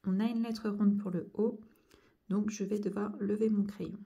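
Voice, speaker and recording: A woman's voice: mid-range voice, steady tone, moderate pace, dark tone. A woman teaching young children to join cursive letters, going over each stroke and sound patiently, one step at a time. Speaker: handwriting teacher.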